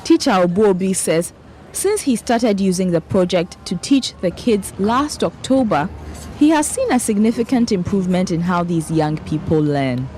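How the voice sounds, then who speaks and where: Lively Ghanaian-accented woman news presenter. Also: mid-range voice, moderate pace, slight background noise, poor audio. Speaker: presenter and reporter. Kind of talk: scripted news narration.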